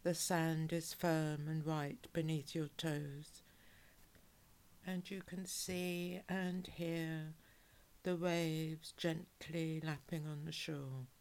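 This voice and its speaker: A woman with a low, slow, soothing voice guides a relaxation hypnosis, reading scripted narration. She stays calm and measured, drawing her phrases out.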